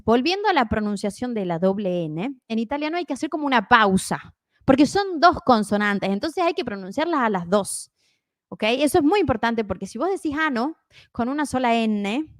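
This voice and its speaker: A young Argentine woman teaches a live online class in a chatty, encouraging voice. Her pitch sits in a middle range, and she stretches out words when showing how to say them. The sound is close and dry. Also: no room sound. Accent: Argentine Spanish. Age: 20s. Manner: chatty and encouraging, slows down to spell out Italian words. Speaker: Italian teacher.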